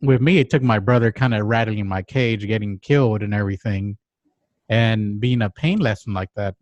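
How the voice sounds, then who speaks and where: A man from Mexico, co-hosting a podcast, talking in a reflective, halting way with many restarts and pauses. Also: fairly low pitch, darkish tone, dry recording, highs cut off. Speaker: podcast co-host. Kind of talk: reflective casual conversation.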